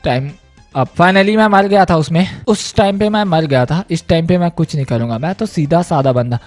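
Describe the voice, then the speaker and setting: High-voiced excitable man gaming. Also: normal speed, faint music behind. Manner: exclamatory, animated, repeating "o bhai sahab". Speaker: gaming YouTuber. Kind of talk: excitable Hindi let's-play commentary.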